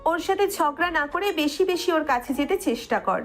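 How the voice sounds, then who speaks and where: A woman's voice: sits high, expressive, moderate pace, soft background music. An actress playing a frank young woman friend who teases and gives blunt advice in an audio drama. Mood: advising. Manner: blunt, teasing. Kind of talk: Bengali audio drama acting.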